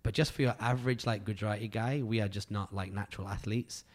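Fast-talking, low-pitched man chatting casually. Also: steady tone. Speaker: podcast co-host. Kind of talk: casual chat.

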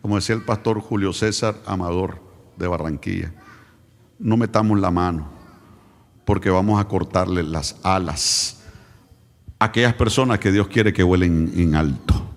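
A male pastor preaching a sermon, firing direct questions at the congregation and swelling into shouted, sung-out lines. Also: deep voice, moderate pace, long reverb tail.

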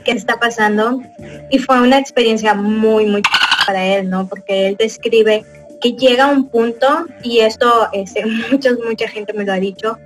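Her voice a little high and the audio poor, a young Mexican woman chats casually as a podcast host. She speaks with a Mexican Spanish accent and rambles, with lots of fillers and small chuckles.

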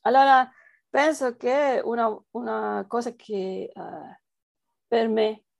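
Foreign-accented lady getting interviewed in her second language, slow and halting, bit of fry in the voice. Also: on the high side, steady tone, no echo, studio quality. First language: not Italian, speaks it as a foreign language. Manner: hesitant, searching for words in a non-native language. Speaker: interviewed researcher. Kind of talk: conversational interview answers.

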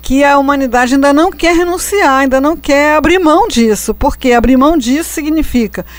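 Ironic woman in relaxed talk. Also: high voice, a little fast, dry recording. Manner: conversational, ironic, laughs at her own jokes. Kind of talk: casual reflective conversation.

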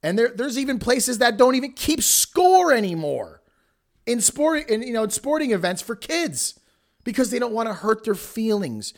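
A man hosting a show, delivering a forceful, emphatic motivational monologue straight at the listener in blunt, sweary tough-love language. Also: very high-pitched, sing-song, moderate pace. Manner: preachy, addresses listeners directly. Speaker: podcast host.

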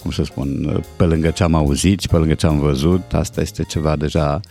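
Gravelly low-voiced man, wry radio commentator. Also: steady tone, warm tone, soft background music. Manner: wry, explains with hedging fillers. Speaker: language commentator on a radio show. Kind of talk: relaxed studio banter and explanation.

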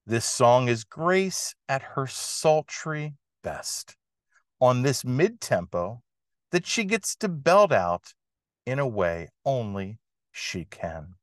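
A man's voice: mid-range voice, sing-song, takes it slowly, dry recording, studio quality. A man hosting a music podcast, giving an enthusiastic review monologue with emphatic, dramatic phrasing.

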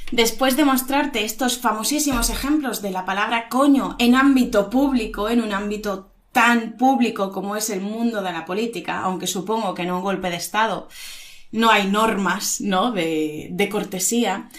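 Spanish woman from spain teaching a lesson, kinda high voice, really emphatic. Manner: lively, emphatic, drawn-out demonstrations of intonation. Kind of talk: online language lesson.

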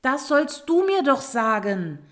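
Woman doing a storybook turtle, impatient, vain, indignant, higher voice, slow. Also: expressive. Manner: insistent, indignant calls. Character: impatient vain female turtle with golden shell.

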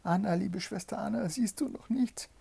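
A man's voice: sits high, normal speed, creaky, warm tone, slightly rough, voice pushed up, heavily acted. A man reading a fairy tale aloud and voicing a frightened young wife who pleads urgently in a raised voice. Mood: pleading.

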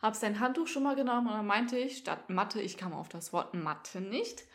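A woman's voice: mid-range voice, expressive, normal speed. A young woman who works as a therapist, co-hosting a podcast and telling self-mocking anecdotes in casual chat, often giggling.

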